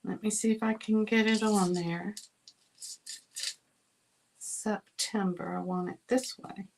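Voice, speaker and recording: A woman's voice: medium pitch, fairly even intonation, slow pace, vocal fry, a little mellow, a little hiss or hum, poor audio. A woman hosting a card-making livestream, chatting casually with viewers while she works. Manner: chatty, addresses viewers as y'all. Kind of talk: casual crafting demo with storytelling.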